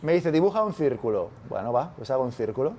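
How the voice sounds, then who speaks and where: A little hiss or hum sits under this recording of a Spanish university lecturer with a Spanish accent. He has a medium-pitched, dark voice, talks at a quick pace with big pitch swings, and keeps his casual masterclass interactive with repeated "¿vale?".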